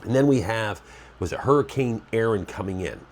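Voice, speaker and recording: A man with a fairly low, expressive, slightly mellow voice talks a little fast, sounding stuffy and nasal from a cold. He hosts his own preparedness channel, speaking casually to camera in a rambling, conversational way and often correcting himself.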